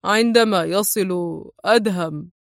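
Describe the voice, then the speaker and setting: A woman's voice: medium pitch, measured pace, dry recording, close to an everyday voice. A proud male prisoner answers with stern scorn, voiced by a woman narrating a novel. His lines come across as defiant. The sound is dry and close. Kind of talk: audiobook character reading.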